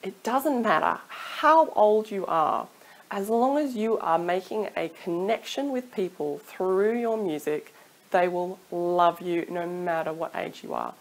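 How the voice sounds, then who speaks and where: Speaking to camera from a small home room, a woman in her thirties who teaches singing offers warm, chatty encouragement and laughs occasionally. Her voice is on the low side and a little slow. It's a casual advice vlog recorded on an off-camera studio mic, and the recording sounds rough.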